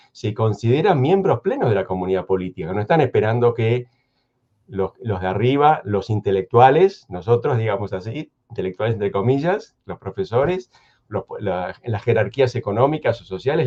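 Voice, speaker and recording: Argentine guy on a radio talk show, measured, lots of restarts, kinda muffled audio. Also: fairly low pitch, lively intonation, a little mellow. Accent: Argentine Spanish. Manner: measured, hesitant, many restarts. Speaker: guest historian. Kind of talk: thoughtful radio conversation.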